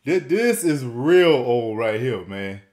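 A man hosting a reaction video, with a medium-pitched everyday voice. His talk is loose and casual, full of restarts and repeated words, and easy laughter keeps breaking in. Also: very animated, takes it slowly, darkish tone. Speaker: reaction channel host.

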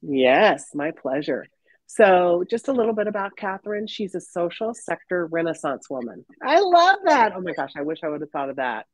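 A woman's voice: low-pitched, expressive, normal speed, a little mellow, no room sound. Congested woman hosting a chat show. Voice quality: stuffy, nasal. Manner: upbeat, chatty, with many ums. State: congested, at the end of covid. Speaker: podcast host. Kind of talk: casual interview chat. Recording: muffled dry video-call audio.

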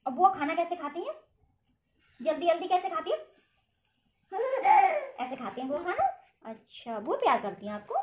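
A woman at home asking a toddler playful questions in a coaxing, sing-song baby-talk manner. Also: high voice. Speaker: host of a toddler-activity channel. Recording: echoey room, faint background noise.

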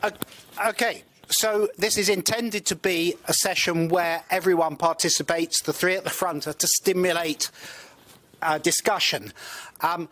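A man's voice: sits high, fairly even intonation, a little slow, a bit bright. A man introducing and moderating a panel discussion before a lecture-room audience.

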